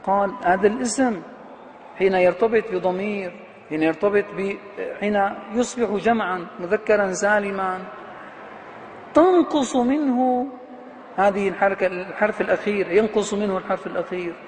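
A man with a high-pitched voice gives a classroom grammar lecture as a professor. He keeps asking his students questions and then answering them himself, and he draws out key words to stress them. His voice rings with a long reverb in a hall, over a faint hiss. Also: fairly even intonation, fairly quick.

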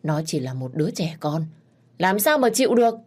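A woman's voice: sits low, big pitch swings, fairly quick, darkish tone. A woman voicing a bitter, resentful mother in a spoken story, accusing and raised. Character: bitter grieving middle-aged mother, servant woman.

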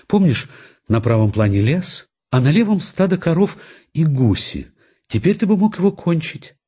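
A man voicing an emotional young woman who pleads and sobs, raising his voice high for her. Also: big pitch swings, moderate pace, warm tone, slightly rough, highs cut off. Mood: coaxing. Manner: raised pitch, sobbing pleas.

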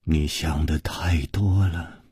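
A man doing a hoarse, hushed proud woman. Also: fairly even intonation, slow pace, no echo, studio quality, exaggerated voice. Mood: hushed, shaken. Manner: low, hushed, hoarse, near whisper. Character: proud, feared woman martial master, shaken. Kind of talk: audiobook character voice.

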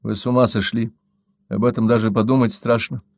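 A man's voice: medium pitch, flat delivery, fairly quick, a little mellow, dry recording, lightly acted. A man voicing an anxious, indignant grown woman who speaks tensely and reproachfully, in a storybook reading.

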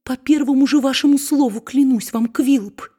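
A woman's voice: sits high, normal speed, mellow, husky, pitched above the performer's own voice. A woman reading an audiobook and voicing a timid, meek wife who pleads in a trembling voice. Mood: pleading.

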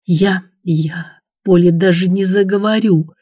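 An anxious young noblewoman in a storybook, soft and pleading, as a man reads her lines. The voice sits a little high for a man and hardly rises or falls. It is mellow and dry. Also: steady tone, a little slow, slightly rough, no echo.

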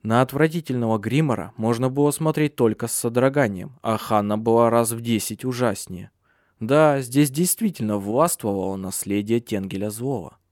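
This is a man reading a novel aloud as an audiobook, a steady, measured scripted narration. His voice is mid-range, and the sound is clean studio quality with no echo.

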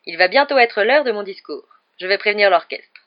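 A proud gentleman ghost speaks in a stiff, formal way, a bit raised and loud, as a woman plays him. The storybook recording is dull and lo-fi. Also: mid-range voice, lively intonation, fairly quick, close to an everyday voice.

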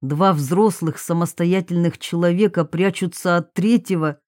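A woman voicing a calm grown man, a gently teasing husband, speaking low and softly in an audiobook. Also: dry recording, studio quality, lightly acted. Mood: amused. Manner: low, soft and unhurried.

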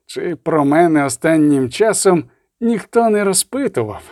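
A man's voice: fairly high pitch, expressive, a little slow, darkish tone, no echo. Frightened male deacon, put on by a man, nervous, dry sound. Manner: nervous, startled.

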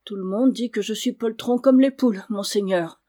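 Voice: mid-range voice, normal speed, warm tone, lightly acted. A reader voicing a timid, naive young village man answering a knight in an audiobook. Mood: earnest. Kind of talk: audiobook reading.

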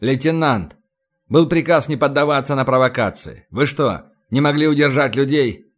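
A man's voice: medium pitch, moderate pace, lightly acted. Stern navy captain, read by a man. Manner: clipped commanding orders. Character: stern middle-aged male navy captain.

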